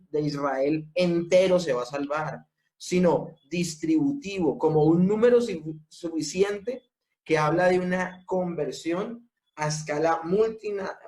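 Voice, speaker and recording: Earnest higher-voiced man teaching theology. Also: a little mellow. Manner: earnest, emphatic, with repetitions and restarts. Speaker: Bible teacher. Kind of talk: theology lecture.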